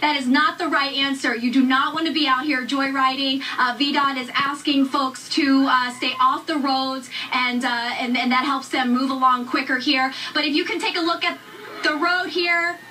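A woman's voice: high-pitched, steady tone, moderate pace, pushed and bright, recorded from a distance, a little hiss or hum. A woman reporter giving a live weather report outdoors by a snowy road. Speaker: TV field reporter. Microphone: handheld microphone.

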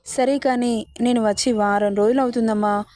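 A gentle older village father in a storybook, tender and reassuring with his daughter, as a woman narrator puts him on. The voice stays fairly high with a soft, mellow tone. It is recorded dry and close. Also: steady tone, moderate pace, no room sound, lightly acted.

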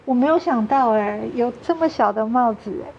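On a talk show, a woman with a Taiwanese Mandarin accent earnestly shares a personal story, acting out what other people said. Her voice sits on the high side, a little fast and a little mellow. The highs are cut off, with slight background noise.

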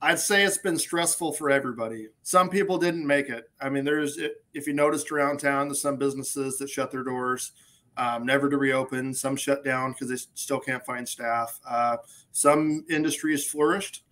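A man's voice: mid-range voice, fairly even intonation, moderate pace, fairly bright tone. A man in his forties, a business consultant, speaking as a guest on a video call in an upbeat, matter-of-fact way. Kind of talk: casual interview chat. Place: indoor office. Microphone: video call webcam.

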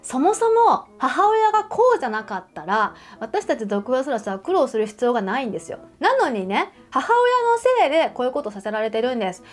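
High-voiced woman counselor giving emphatic advice. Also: very animated, fairly quick, hardly any pauses. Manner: emphatic, addresses viewer directly; uses everyday examples and questions. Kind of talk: advice talk to camera.

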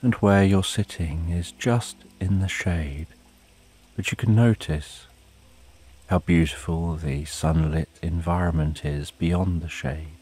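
A man narrating a bedtime sleep story in a calm, soothing, unhurried way with long pauses, as a sleep story narrator. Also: low-pitched, slightly rough. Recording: soft rain behind the voice. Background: rain.

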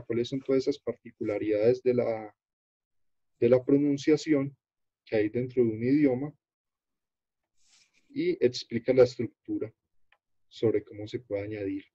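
A man with a Colombian accent leads an online workshop, explaining a web page as he shows it on screen. He talks in a halting, unhurried way, full of fillers and restarts. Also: mid-range voice, mellow, husky, dry recording. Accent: Colombian Spanish. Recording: dull, dry video-call audio.

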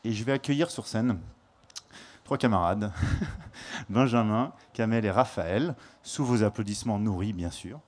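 A man moderating a startup panel on a conference stage, chatty and halting, with frequent repeated words. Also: lowish voice. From France.

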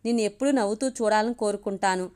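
A woman voicing a caring young woman in a storybook reading, gentle and soothing in manner. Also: mid-range voice, fast talker, clear, resonant tone, close to an everyday voice.

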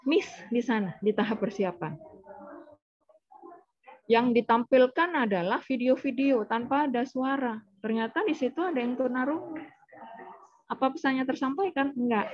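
A woman's voice: on the high side, highs cut off. A woman teaching nursing students, explaining step by step and asking and answering her own questions. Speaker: nursing lecturer. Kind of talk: lecture.

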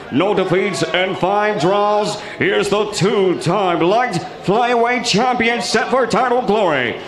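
A male ring announcer booms out fighter introductions like a lucha libre showman. His voice is high and his delivery slow and drawn out. It rings through an echoey arena. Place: boxing ring in a large indoor arena. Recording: echoey arena PA with clear crowd noise.

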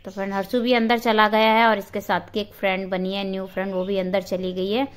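A woman's voice: medium pitch, little pitch movement, brisk. A woman vlogger chatting casually with her viewers while out and about, filming on a handheld phone. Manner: chatty, addresses viewers as friends. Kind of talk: casual vlog chat. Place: outdoors at a park and school gate.

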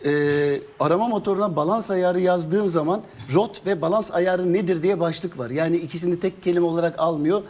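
A man's voice: sits high, brisk, hardly any pauses, a little mellow. A man on a panel show, chatting casually in studio banter. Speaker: panel member.

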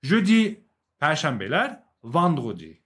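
A man's voice: on the high side, sing-song, slow pace, a bit bright. A young adult man with a Turkish accent teaching a live language lesson, explaining, translating and repeating key words for learners.

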